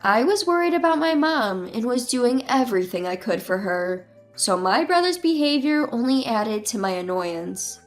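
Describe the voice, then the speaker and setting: A woman's voice: fairly high pitch, lively intonation, moderate pace, hardly any pauses. Young woman narrating a story. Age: 20s. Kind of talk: scripted first-person story narration. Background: faint music.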